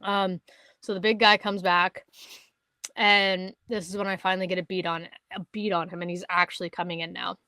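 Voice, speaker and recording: A woman from Canada co-hosting a podcast, telling a hunting story in casual chat, animated and swearing, acting out other people's words. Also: lowish voice, moderate pace, no room sound. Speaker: podcast co-host.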